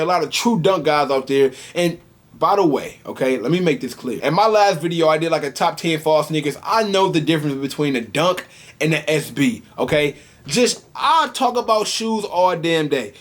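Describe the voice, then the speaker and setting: A young man talks through a sneaker unboxing in loose, slangy chat, turning to his viewers often. His voice sits a little high for a man. His speech is slightly slurred from freshly tightened braces. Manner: slangy, animated, addresses viewers directly. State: sore mouth from tightened braces, some slurring. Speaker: sneaker vlogger.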